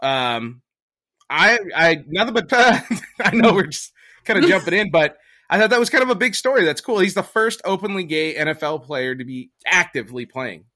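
A man's voice: sits high, lively intonation, normal speed, pushed and bright. A young man co-hosting a casual podcast, laughing often and asking rambling questions. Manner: giggly, asks rambling questions. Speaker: podcast co-host. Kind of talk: casual chat.

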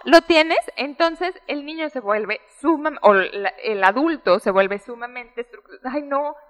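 A woman, a guest expert explaining child development in an interview, animated and acting out the voices of parents. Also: high voice, a little slow. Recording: roomy hall reverb.

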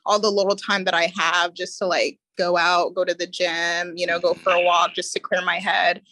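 A woman's voice: on the low side, little pitch movement, normal speed, sharp tone, poor audio. An American woman speaking casually as a guest on a podcast. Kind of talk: casual chat.

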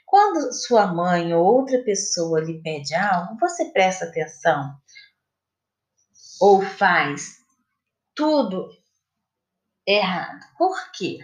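Slow, lively woman teacher, Brazilian. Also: on the low side. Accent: Brazilian Portuguese. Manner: slow, patient, sing-song questioning. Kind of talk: recorded remote lesson for children. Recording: echoey room.

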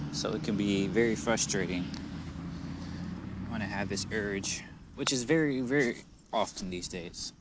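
A man hosting a casual, reflective solo podcast in a halting, hesitant way, pronouncing his r's like w's. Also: fairly low pitch. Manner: says w for r, soft r sounds; hesitant, halting, with frequent chuckles. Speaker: podcast host. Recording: noticeable background noise.

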